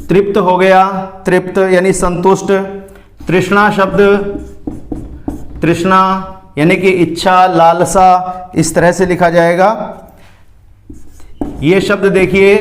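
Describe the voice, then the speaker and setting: A man teaching a spelling lesson, slowly repeating each word to show how it is said. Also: high voice, echoey room. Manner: slow, careful, repeats words to show pronunciation. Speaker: Hindi grammar teacher.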